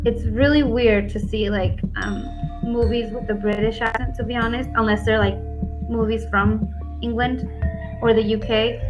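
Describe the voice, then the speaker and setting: A woman from the United States with a neutral American accent tutors English over a video call in a casual one-on-one lesson, speaking frankly and often using "like" as a filler. Her voice is fairly high and flat at a moderate pace, on dull lo-fi call audio with faint background music.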